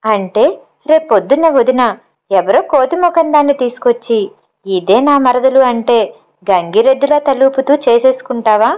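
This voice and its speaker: A woman's voice: on the high side, lively intonation, moderate pace, muffled recording, natural voice. A woman reading as a teasing young woman.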